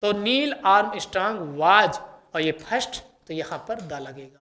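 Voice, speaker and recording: A woman's voice: medium pitch, expressive, fairly bright tone. A woman teacher going through an English test paper for exam candidates, asking questions and answering them herself and repeating key words. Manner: reads English test sentences slowly and carefully.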